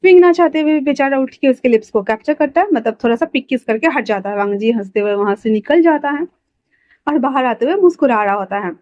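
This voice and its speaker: A woman's voice: sits high, fast talker, darkish tone, no echo. A woman narrating a fan story casually, chatty, with fillers and self-corrections, on a dull lo-fi recording.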